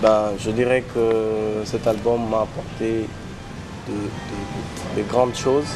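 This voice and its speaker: A man, a gospel singer, singing a slow worship song and talking about his album as an interview guest. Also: on the low side, level tone. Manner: slow, soaring sung phrases. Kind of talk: sung worship song and talk. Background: loud music.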